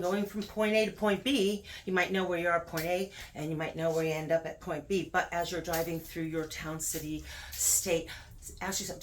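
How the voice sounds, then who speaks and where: A woman with a fairly low, slightly bright voice hosts a video, giving casual yet emphatic advice straight to the viewer and repeating words for stress.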